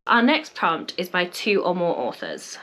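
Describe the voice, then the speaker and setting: A woman's voice: lowish voice, wildly swooping pitch, a little slow, loud music behind the voice. A woman chatting casually to camera as a book vlogger, her voice a little nasal and congested from a cold, friendly and thinking aloud. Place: home room with bookshelves.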